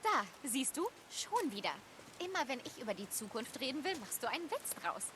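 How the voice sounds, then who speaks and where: A woman voicing a young woman scientist who is curious and dreamy, in a game dub, speaking in an animated way. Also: high-pitched, brisk, noisy background. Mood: reproachful.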